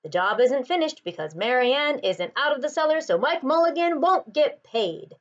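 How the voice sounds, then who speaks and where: A smug, doubting storybook townsman, read by a woman, mean and pointed. The voice sits fairly high with animated pitch, and the recording is slightly dull. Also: moderate pace. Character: mean, smug, doubting town man who smirks. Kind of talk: children's picture book read-aloud.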